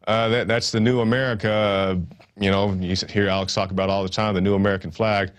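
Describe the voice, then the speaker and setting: A man's voice: on the low side, flat delivery, fast talker, clear, resonant tone. A man hosting a nightly news show, talking loosely with joking asides and restarts. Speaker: news host. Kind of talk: casual news commentary.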